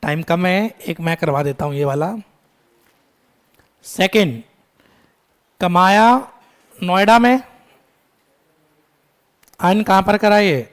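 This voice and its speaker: Indian guy teaching tax, kinda high voice, keeps quizzing the class and calling them beta. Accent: Indian English. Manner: quizzing students, calling them "beta", brisk scolding asides. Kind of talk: classroom lecture.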